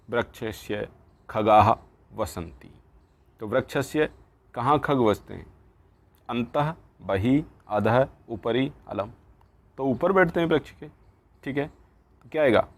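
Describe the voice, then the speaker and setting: With a mid-range, animated voice marked by vocal fry, this male teacher takes students through a Sanskrit textbook. He reads each line slowly, then explains every word in Hindi.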